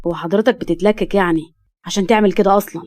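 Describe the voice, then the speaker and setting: A woman's voice: medium pitch, steady tone, rapid-fire, darkish tone, close to an everyday voice. A woman voicing a brash, drunken young man with an Egyptian accent and a sly drawl. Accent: Egyptian Arabic.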